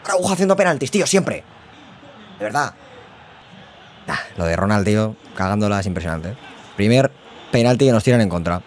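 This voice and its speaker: Excitable gamer, low voice. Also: male voice, brisk, pauses often, a little hiss or hum. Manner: excitable, slangy, yells at goals. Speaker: gaming YouTuber. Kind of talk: live gameplay commentary.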